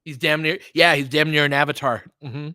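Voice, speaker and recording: This American fan-stream host calls basketball games informally and with strong opinions, weaving in casual chat with fans. His slightly high voice is bright, forceful, clear and resonant, with a steady tone and fairly quick pace, in a clean studio recording with no room sound.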